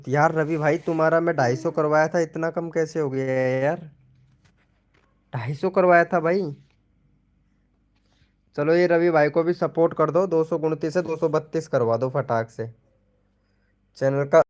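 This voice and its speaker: A young man hosts a casual live stream, reading out viewer comments and teasing people by name. His voice sits a little high and comes through smooth and clear. He talks in a loose, repetitive way, going back over the same phrases. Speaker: live stream host promoting channels.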